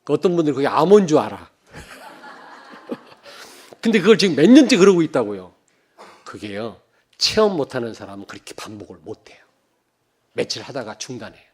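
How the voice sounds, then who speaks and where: A man in his fifties from Cheonan, preaching a sermon as pastor, joking and telling stories, swinging from loud emphasis to quiet asides and calling out to the congregation. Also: on the high side. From Cheonan, South Korea. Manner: joking, anecdotal, calls out to the congregation.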